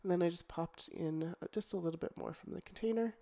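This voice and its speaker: A middle-aged woman with a croaky voice from a cold, chatting casually as she explains a scrapbooking project, with ums and restarts. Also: on the low side, quick pace. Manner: relaxed, chatty, thinking aloud with ums and restarts. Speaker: scrapbooking crafter. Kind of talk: casual crafting tutorial voice-over.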